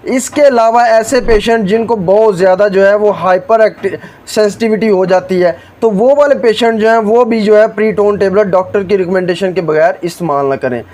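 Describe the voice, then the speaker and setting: A man with a notably high-pitched voice explains a medicine for his medical video channel. He talks in a steady, informational way, looping back to the same stock phrases and dropping filler words between points. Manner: formulaic, repetitive phrasing with frequent filler words.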